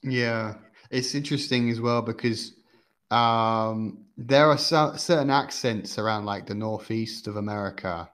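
A man's voice: fairly low pitch, a little slow, fairly bright tone, clean tone. A man co-hosting a podcast, chatting casually about a film and often searching for his words with fillers. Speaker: podcast co-host. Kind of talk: casual film review chat.

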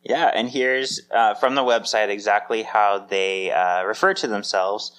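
Lowish guy co-hosting a fan podcast, chatty, laughs a lot, gets excited. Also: unhurried, smooth. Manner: laughs often, animated bursts of excitement. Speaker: podcast co-host. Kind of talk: casual chat.

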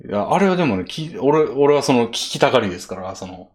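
A man's voice: medium pitch, very animated, fast. A man with a Kansai accent hosting a casual chat podcast, enthusiastic and laughing often. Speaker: podcast host.

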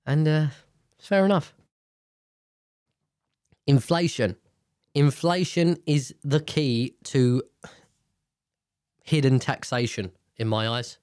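British bloke with a blocked-up nasal voice, mid pitch, rambling casually, sweary, dry close sound. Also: male voice, takes it slowly, long pauses, a little mellow, smooth, no echo. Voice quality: nasal, congested. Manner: blunt, sweary, informal. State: blocked nose from sinus infection. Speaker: host. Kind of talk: casual rambling commentary, reading news aloud.

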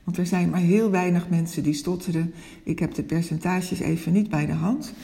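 A woman coach hosting her own podcast who speaks gently and openly in a reflective monologue, stutters now and then, and swaps in other words. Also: on the low side, steady tone, moderate pace, vocal fry, long reverb tail.

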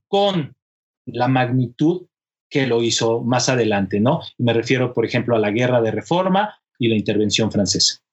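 A man's voice: mid-range voice, slightly rough, highs cut off. A man telling a history story in casual conversation, acting out the dialogue, with frequent tag questions and fillers.

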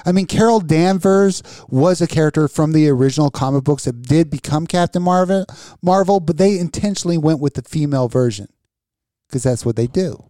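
Profane ranting man with a dark voice. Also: on the high side, a little fast, no echo, clean studio sound. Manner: profane, ranting, laughs often. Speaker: podcast co-host. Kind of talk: crude casual chat.

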